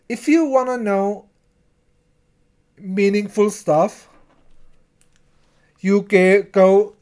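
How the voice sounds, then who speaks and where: A TV episode reviewer, speaking English slowly, casually recaps and reviews the episode in a darkish, medium-pitched voice. Expect chattiness, stumbles and repeated words, plus impressions of what the characters said.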